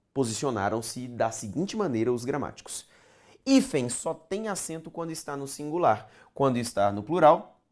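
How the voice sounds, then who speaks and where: A man with a Brazilian accent teaching a grammar lesson. He is emphatic, repeats key points and asks rhetorical questions. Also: mid-range voice. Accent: Brazilian Portuguese.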